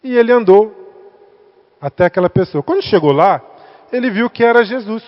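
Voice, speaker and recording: A guest speaker with a Brazilian Portuguese accent gives a spiritist talk to center workers in a meeting hall. His high voice is animated and moves at normal speed, and he keeps things conversational by asking the audience questions. The sound is echoey, dull, and lo-fi.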